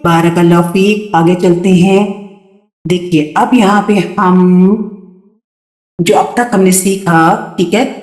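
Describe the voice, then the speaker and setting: A woman teaching tajweed in an online class, patient and encouraging, slowly repeating words for her students. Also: lowish voice, steady tone, a little mellow, reverberant, faint music behind. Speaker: Quran recitation teacher. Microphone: computer mic in an online video class.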